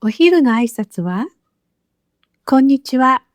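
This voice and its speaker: A woman narrates a scripted lesson as a teacher, speaking slowly and patiently with clear, careful phrasing. Her voice sits a little high. The recording is dry and close. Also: lively intonation, no room sound. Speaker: Japanese teacher.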